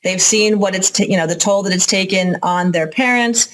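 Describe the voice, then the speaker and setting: An American woman, an organic farmer and educator, gives conversational interview answers, explaining things in an informal, candid way. Her voice is medium-pitched at a normal speed, though the audio quality is poor.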